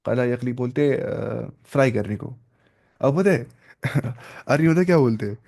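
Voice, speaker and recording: A man's voice: mid-range voice, lively intonation, gravelly, a little mellow. Man teaching tajweed, questioning and chanting. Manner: asks questions and answers them himself, chants Arabic words slowly; mixes in English words. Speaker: Quran recitation teacher. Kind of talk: classroom tajweed lesson.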